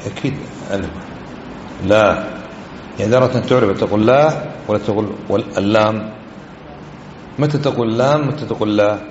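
A religious teacher with a fairly low voice delivers a classroom lesson on hadith and grammar, speaking briskly but with long pauses. He quizzes his listeners with repeated questions, recorded in an echoey hall with dull lo-fi sound and faint hiss.

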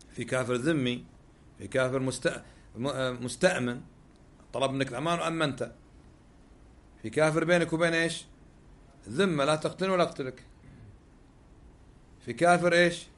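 A man teaching a religious lesson, posing rhetorical questions and answering them himself. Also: a little high. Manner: Gulf Arabic dialect. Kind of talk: sermon-style lesson with questions.

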